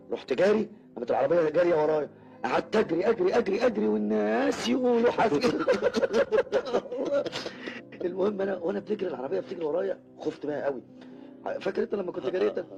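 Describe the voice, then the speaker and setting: Motor-mouth egyptian clown guy, highish voice, music under. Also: gravelly. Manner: animated comic storytelling, laughs at own jokes. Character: boastful joker young man, loves to clown. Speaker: joking friend telling a story.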